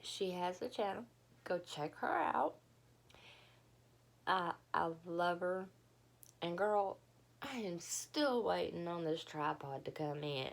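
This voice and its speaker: A woman's voice: lowish voice, lively intonation, slow pace, vocal fry, long pauses. A tired, unwell-sounding woman, chatting casually and hesitantly to viewers in a rambling way, recorded on a phone. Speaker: mukbang vlogger. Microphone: phone camera.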